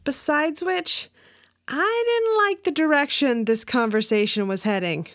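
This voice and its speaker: A woman's voice: high-pitched, unhurried, a bit bright, no room sound. A young American woman reading her own memoir with wry, dramatic storytelling. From United States. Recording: dry close recording.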